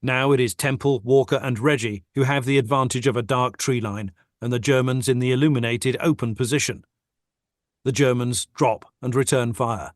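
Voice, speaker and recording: A man's voice: mid-range voice, steady tone, normal speed, no echo, studio quality. A man reading the stage directions of a script steadily and matter-of-factly in a table read over a video call.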